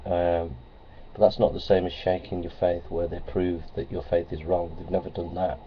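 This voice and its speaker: This is a casual webcam vlog from a middle-aged man whose low voice comes at normal speed with a flat delivery. He talks plainly and repetitively, full of ums, uhs, and repeated phrases. Framed certificates line his small office wall, and the close webcam records dull lo-fi audio with a faint hiss.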